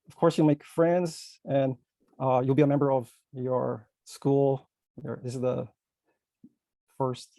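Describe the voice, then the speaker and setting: A man giving a rushed, casual panel presentation, with fillers like "you know". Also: medium pitch, vocal fry, dark tone, dry recording, rough recording. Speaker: panelist presenting a teaching program.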